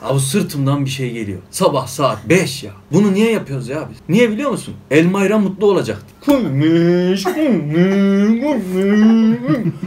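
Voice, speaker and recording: Animated young man ranting comically. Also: a little high, brisk, hardly any pauses. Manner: exasperated, ranting complaints. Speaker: host. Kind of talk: comic monologue.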